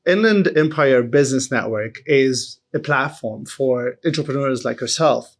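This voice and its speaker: A man hosting a podcast, opening the show and welcoming his guest with clear, polite questions. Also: medium pitch. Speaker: podcast host. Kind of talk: interview introduction.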